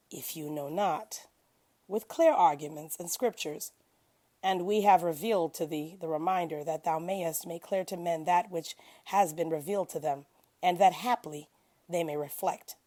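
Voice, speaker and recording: A woman reads a scripture translation aloud as an act of devotion, solemn and declamatory, stressing key phrases. Her voice is fairly low-pitched with a darkish tone.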